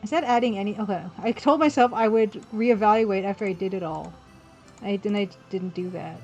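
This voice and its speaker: Her voice sits at medium pitch with a darkish tone, and she speaks a little fast. She's a pixel artist hosting an art livestream, chatting informally as she draws, thinking aloud and answering chat while music plays.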